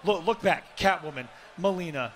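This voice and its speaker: A man giving live play-by-play commentary on a fighting game tournament, with excitable, emphatic calls. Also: fairly high pitch, normal speed. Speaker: esports commentator. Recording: music behind the commentary.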